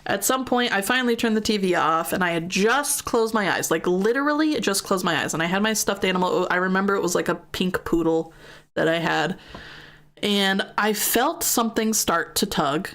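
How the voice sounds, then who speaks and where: A woman's voice: mid-range voice, animated, moderate pace, fairly bright tone. A young American woman streamer casually telling a long story, chatty, with lots of fillers and swearing. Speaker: gaming streamer.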